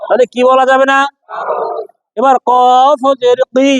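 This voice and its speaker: Man, Quran reading teacher, classroom drill, repetitive call-and-response, very high-pitched voice. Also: completely flat delivery, creaky, clear, resonant tone, no room sound. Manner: repetitive, calls out questions, drawn-out chanting of letter names.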